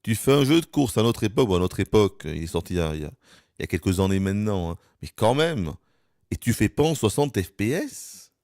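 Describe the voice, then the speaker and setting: A man streaming a game live, ranting in exasperation with swearing and sudden high-pitched outbursts. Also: very animated, quick pace, a little mellow, no echo. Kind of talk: live gaming stream commentary.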